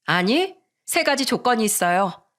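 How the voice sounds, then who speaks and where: A woman voicing a determined young woman in a radio story, speaking firmly and calmly as she defies her mother. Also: a little high. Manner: firm, calm, deliberate.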